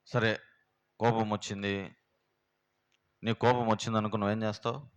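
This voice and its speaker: A man's voice: on the low side, level tone, normal speed, clean tone, highs cut off. A pastor, preaching a plain, homely sermon and firing rhetorical questions at his congregation in a prayer house. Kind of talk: sermon teaching.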